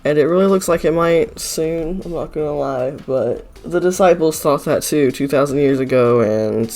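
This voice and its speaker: This art channel host's voice is slightly high and somewhat mellow, though illness has left it hoarse, gravelly and a touch nasal. His casual voice-over meanders with lots of "like" and "uh" and apologetic asides, and quiet music runs in the background.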